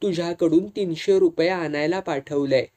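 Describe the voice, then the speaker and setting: A reader voicing a calm, blunt older man messenger speaking rural dialect. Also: mid-range voice, normal speed, lightly acted.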